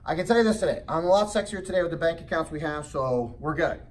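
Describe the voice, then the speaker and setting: Seminar presenter, man, lively storytelling, a bit high-voiced, mic set back from him. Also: fast, recorded from a distance, a little hiss or hum. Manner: animated storytelling with frequent rhetorical check-ins. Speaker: real estate investing seminar presenter. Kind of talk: motivational sales seminar talk.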